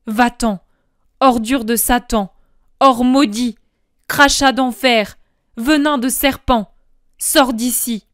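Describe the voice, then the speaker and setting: A woman's voice: steady tone, slow, smooth, dry recording, clean studio sound, natural voice. Woman reading a stern, restrained master. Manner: low, terrible restrained tone. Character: stern grave man, master confronting a thief.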